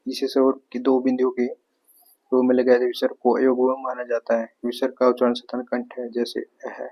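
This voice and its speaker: Flat-voiced man teaching a grammar class. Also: mid-range voice, brisk, poor audio. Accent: Haryanvi-tinged Hindi. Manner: explains step by step, repeats answers, asks rhetorical questions. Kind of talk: exam prep grammar lesson.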